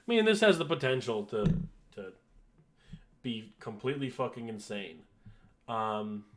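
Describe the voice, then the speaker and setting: A man going through a card list in casual commentary, reading rules text and reacting in an offhand, dry way. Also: mid-range voice. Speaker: card reviewer.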